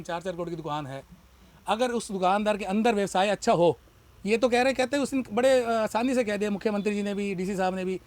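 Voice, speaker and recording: A man who runs a shop, speaking in an impassioned, argumentative way in a street interview. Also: sits high. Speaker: shopkeeper and party worker.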